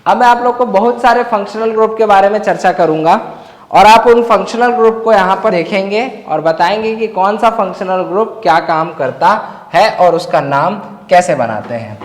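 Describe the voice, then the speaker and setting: A man's voice: high voice, moderate pace. A man with a Chhattisgarh accent teaching a chemistry class, asking students questions and then answering them himself. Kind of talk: classroom lecture. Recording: echoey classroom with long reverb.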